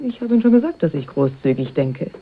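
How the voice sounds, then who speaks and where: In a 1980s German radio crime drama, an actress plays a self-possessed, mercenary woman with guarded, dry irony and a cool mood. Her low, sing-song voice has a breathy edge and moves a little fast in a full character voice, on a dull, band-limited radio play recording.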